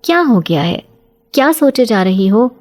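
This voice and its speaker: A woman voicing a stern middle-aged mother who scolds her daughter in a sharp-tongued way, as part of a storytelling reading. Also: medium pitch, animated, natural voice. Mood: scolding.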